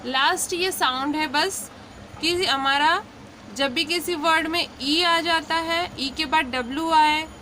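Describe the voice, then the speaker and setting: A woman with a high voice walks through a pronunciation lesson, unhurried and patient, saying each example word slowly. A faint hiss of background noise sits under her voice. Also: sharp tone. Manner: patient, repeats each word slowly, frequent "theek hai". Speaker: English pronunciation teacher. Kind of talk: slow explanatory lesson.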